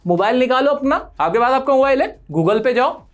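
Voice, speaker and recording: A man's voice: very high-pitched, animated, fairly quick. A man teaching a spoken language lesson, asking the viewer questions and answering them himself in an encouraging tone. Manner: encouraging, direct address to learners. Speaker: English teacher.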